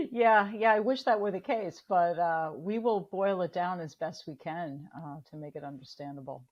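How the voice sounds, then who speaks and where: Deep-voiced woman on muffled audio. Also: moderate pace, hardly any pauses. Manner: animated, explains with analogies. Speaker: guest physician. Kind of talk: explanatory interview answers.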